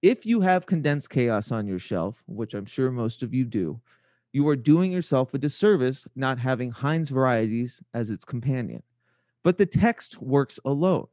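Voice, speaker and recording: A man's voice: mid-range voice, expressive, moderate pace, darkish tone, no room sound, studio quality. A man hosting a podcast, reading a scripted introduction in a theatrical, florid and ornate way. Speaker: podcast host.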